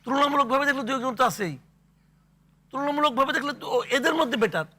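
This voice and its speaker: An older man giving blunt, scornful political commentary on a talk show, with halting restarts. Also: extremely high pitch, animated, pushed and bright.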